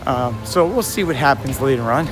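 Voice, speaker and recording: A man with a raspy, hoarse voice chatting casually as he hosts a walking livestream outdoors. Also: mid-range voice, lively intonation, fairly quick. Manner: chatty, addressing viewers and passersby. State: hoarse from yelling at a concert. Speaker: live stream host. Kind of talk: casual walk-and-talk livestream. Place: outdoors in a busy theme park. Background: music, outdoor park and vehicle sounds.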